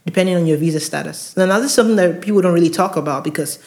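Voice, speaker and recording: A man's voice: high-pitched, rapid-fire, vocal fry, darkish tone. A man hosting an advice podcast, speaking earnestly and emphatically, often repeating words for stress. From outside the US. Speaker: podcast host advising premed students. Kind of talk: casual advice monologue. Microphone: handheld recorder mic.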